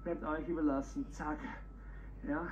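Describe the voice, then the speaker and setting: A woman giving brisk workout commands as a fitness coach, counting down exercises. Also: low voice, steady tone, echoey room, far from the mic, very noisy. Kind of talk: workout instructions.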